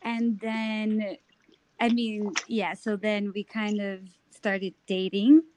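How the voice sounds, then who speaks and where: A woman's voice: mid-range voice, level tone, slow pace, darkish tone, a little hiss or hum. Chatty young New woman. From New York. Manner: chatty, many ums and I-means. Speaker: guest. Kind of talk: casual interview.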